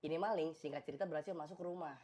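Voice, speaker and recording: A woman's voice: low voice, very fast, dark tone. A woman casually telling a funny story in slang, acting out the sound effects. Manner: playful, slangy, acts out sounds.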